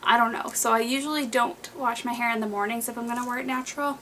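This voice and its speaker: A young woman with a somewhat high voice talks casually to camera in a home beauty vlog. She rambles, restarts and drops plenty of fillers, sounding a little out of breath. A faint hiss sits under the recording. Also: fairly even intonation, quick pace, sharp tone, poor audio. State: slightly out of breath. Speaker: beauty vlogger. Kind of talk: casual monthly favorites vlog.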